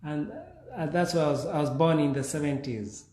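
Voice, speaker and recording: A man in his forties, originally from Kenya, slowly telling his life story as an interview guest, with pauses and restarts. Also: fairly high pitch, steady tone, warm tone, echoey room. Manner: slow, measured, with pauses and restarts.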